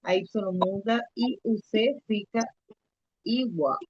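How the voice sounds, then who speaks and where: A woman's voice: medium pitch, slow, lo-fi sound. A woman teaching a live online Spanish lesson to children, patiently repeating letters and coaxing the kids to answer.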